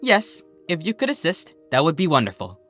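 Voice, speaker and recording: Man voicing Princess Luna, regal pony with lifted pitch. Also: wildly swooping pitch, normal speed, a bit bright, faint music behind, full character voice. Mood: earnest. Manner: formal, archaic turns of phrase. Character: regal, gentle pony princess, old-fashioned and earnest.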